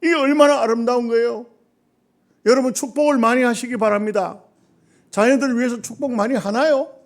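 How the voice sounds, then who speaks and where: A middle-aged man, preaching a sermon and telling stories, moving between hushed remarks and loud exhortation. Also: very high voice, steady tone, fairly quick. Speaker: pastor.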